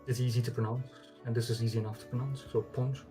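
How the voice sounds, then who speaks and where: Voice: medium pitch, flat delivery, quick pace, music in the background. A co-host of a worldbuilding stream, chatting casually in a laid-back way with short agreeing replies. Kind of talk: casual brainstorming chat.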